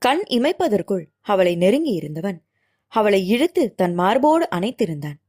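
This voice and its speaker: ஒரு பெண் ஒலிப்புத்தகத்தில் காதல் நாவலை உணர்ச்சிகரமாக நாடகத்தன்மையுடன் வாசிக்கிறார். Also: female voice, medium pitch, moderate pace. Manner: expressive, dramatic storytelling. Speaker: audiobook narrator. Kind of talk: reading a romance novel aloud.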